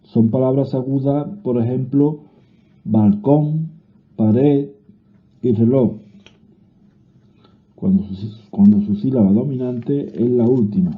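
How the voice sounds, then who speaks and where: A man with a Spanish accent reading a grammar lesson aloud, slow and deliberate, sometimes restarting a word. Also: mid-range voice. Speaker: teacher. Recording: phone-like narrow-band audio.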